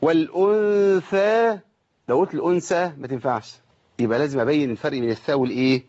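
A middle-aged man with an Egyptian accent teaching Quran recitation online, correcting students and slowly demonstrating each sound. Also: mid-range voice, fairly even intonation, darkish tone, lo-fi sound. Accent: Egyptian Arabic. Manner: corrective, demonstrates letters slowly and repeats them. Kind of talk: online tajweed lesson.

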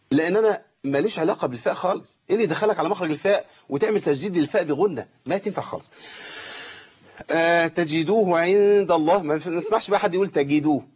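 A man with an Egyptian accent teaching Quran recitation, correcting students and slowly drawing out the recited words. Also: high-pitched, darkish tone, husky, lo-fi sound. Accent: Egyptian Arabic. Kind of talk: tajweed lesson with recited examples.

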